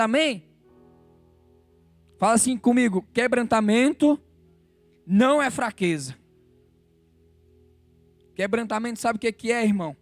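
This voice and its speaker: High-voiced Brazilian man preaching fervently. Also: no room sound. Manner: emotional, rises to fervent exhortation then drops low and intimate. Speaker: church worker preaching. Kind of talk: sermon. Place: church sanctuary.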